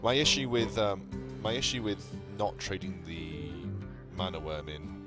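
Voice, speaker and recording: A man's voice: low-pitched, expressive, a little slow. A man giving casual live card game commentary, thinking aloud and repeating phrases as he works through options. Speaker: esports commentator. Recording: game music with guitar behind. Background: game music with guitar.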